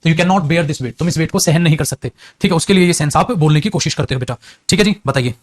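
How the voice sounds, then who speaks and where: High-voiced Indian man teaching English. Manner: coaxing, repeats example sentences slowly, calls students beta and bhai. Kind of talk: classroom lesson.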